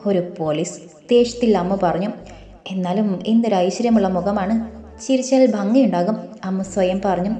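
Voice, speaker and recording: A woman's voice: medium pitch, moderate pace, warm tone. A woman narrating a romance story in a storybook reading, voicing every character's lines herself. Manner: reads every character's dialogue in her own voice. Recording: echoey room with faint music behind.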